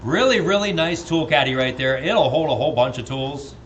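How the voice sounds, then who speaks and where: A man's voice: fairly high pitch, expressive, a little fast, a bit bright, highs cut off, slight background noise. A man working as an auctioneer, calling bids on a live stream in a repeated rhythmic chant with chatty asides.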